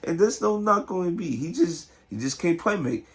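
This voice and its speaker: A man with a hoarse, partly lost voice giving casual, slangy sports commentary straight to his viewers. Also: high-pitched, lively intonation, normal speed. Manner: informal, slangy, talks directly to viewers. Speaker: sports video host. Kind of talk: casual basketball commentary to camera.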